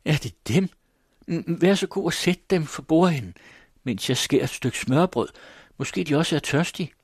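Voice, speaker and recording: A fussing old country widow bustles about her guest in a raised, lifted voice, as a male reader puts her on. Her tone is husky and close, and grief sits under her hurried hospitality. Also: mid-range voice, darkish tone, no echo, pitched above the performer's own voice, close to an everyday voice. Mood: fussing hospitable. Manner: fussing, eager, tearful. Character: grieving old peasant mother, hospitable and fretful.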